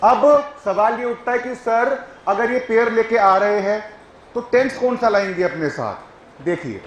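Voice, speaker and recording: A man's voice: high voice, expressive, measured pace, roomy sound, a little hiss or hum, poor audio. A male teacher giving a classroom grammar lecture, who keeps checking whether his students follow and coaxes them along.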